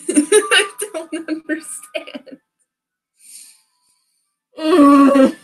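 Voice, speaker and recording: A young woman with a high, light voice reads a visual novel aloud at an unhurried pace, breaking into flustered giggles and squeals between lines. Faint game music plays underneath her. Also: low-quality recording. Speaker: let's play gamer. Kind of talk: visual novel let's play, reading text aloud with reactions.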